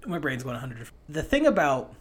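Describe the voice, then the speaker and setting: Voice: mid-range voice, very animated, fairly quick, breathy edge. A podcast co-host talking casually about a film, blunt, swearing freely and laughing often.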